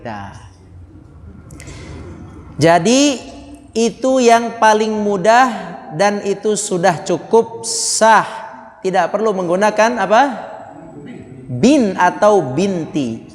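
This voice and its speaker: A man preaching an Islamic teaching lecture, speaking deliberately and repeating phrases for the audience, with joking asides. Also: high voice. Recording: long hall reverb.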